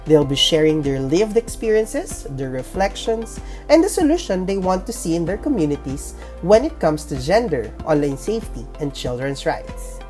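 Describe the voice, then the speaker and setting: A woman hosting a podcast, moderating a group discussion with a lively, welcoming manner. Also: low-pitched, moderate pace, few pauses, faint music behind. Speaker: podcast host.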